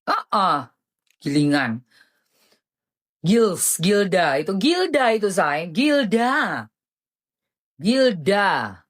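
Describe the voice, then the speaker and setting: A woman's voice: lowish voice, very animated, slow, pauses often. A woman doing live-stream commentary in a dramatic, indignant way, often calling her listeners darling.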